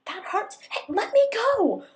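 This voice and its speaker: A woman voicing a shy but quick-tongued young woman barista, her voice lifted higher than her narration. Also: animated, a little mellow, lightly acted. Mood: alarmed.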